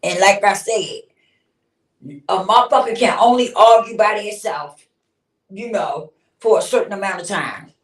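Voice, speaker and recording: Pausing often and keeping a measured pace, a fifty-something woman hosting a livestream chats in a blunt, casual way, with plenty of swearing and laughter. Her voice is mid-range. The audio is roomy, and she sits far from the mic, speaking away from it.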